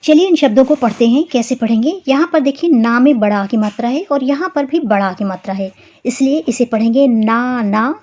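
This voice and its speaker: A woman teaches a lesson for young children, with a voice pitched a little higher than most women's. She talks slowly and patiently and spells out each word for small pupils. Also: animated, mellow, highs cut off.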